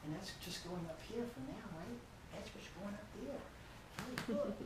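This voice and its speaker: A woman dog trainer calmly explaining her training and patiently encouraging a dog with frequent praise. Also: mid-range voice, moderate pace, reverberant, distant mic, very noisy.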